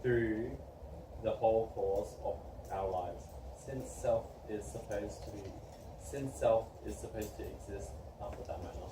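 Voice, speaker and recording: A male student reading a text aloud in class, halting and stumbling over words. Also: lowish voice. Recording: echoey room from far off, clear background noise.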